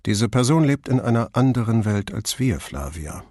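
A man playing a steady, blunt middle-aged police commissioner who talks in a firm, reasoning way. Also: on the low side, moderate pace, no room sound, clean studio sound. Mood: resigned.

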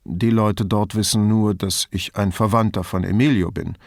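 A reflective middle-aged police commissioner, as a male reader plays him in an audiobook. He speaks in a measured, thoughtful way, in a slightly low voice. The recording is dry and close. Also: fairly even intonation, gravelly, no room sound. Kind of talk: audiobook character reading.

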